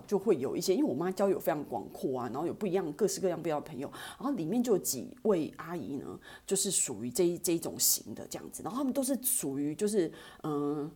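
A woman, hosting a podcast and telling a story in a chatty, animated way. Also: lowish voice, slightly rough. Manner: chatty, animated, many fillers. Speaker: podcast host. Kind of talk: casual storytelling.

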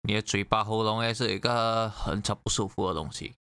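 A man casually telling an animated story in conversation, swearing freely. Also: fairly low pitch, a little fast, clean tone. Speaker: guest sharing a story. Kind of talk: casual chat.

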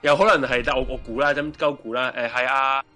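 A man with a Hong Kong Cantonese accent co-hosting a casual true-crime chat, offering tentative theories in halting, slangy speech. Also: medium pitch, fairly even intonation, pushed and bright, faint music behind. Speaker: podcast co-host.

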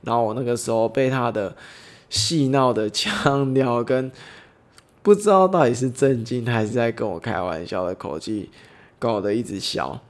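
A man hosting a podcast, telling a personal travel story in a gentle, reflective, unhurried way. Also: mid-range voice. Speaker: podcast host.

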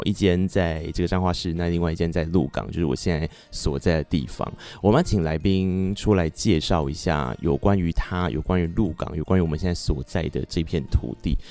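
A man's voice: low-pitched, mellow. A man with a Taiwanese accent hosting a casual podcast chat from a café, upbeat and chatty, slipping into Hokkien. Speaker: podcast host. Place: old-house café.

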